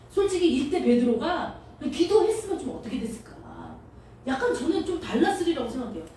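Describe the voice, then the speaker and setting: A woman delivers a sermon in a chatty, storytelling way, her pitch high and swinging widely. Her tone is soft and mellow. The sound comes from a distance in a very reverberant space with a faint hiss underneath. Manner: conversational, storytelling with acted quotes. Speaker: preacher. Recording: echoey hall, distant mic, faint noise.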